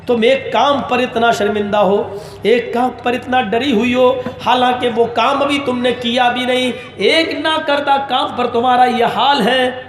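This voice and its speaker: A guilt-stricken young man pours out trembling, imploring words of repentance, as a male preacher acts him out. The pitch sits very high. Long reverb from a large hall surrounds the voice. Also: fairly even intonation. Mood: remorseful.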